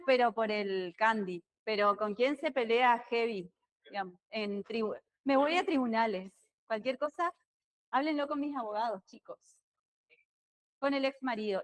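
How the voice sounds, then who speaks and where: A woman with an Argentine accent teaches a law class in a classroom. Her voice sits a little high, and she tends to get loud as she explains. She keeps questioning her students as she goes. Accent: Argentine Spanish. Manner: lively, talks loud, asks students questions. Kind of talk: classroom lecture.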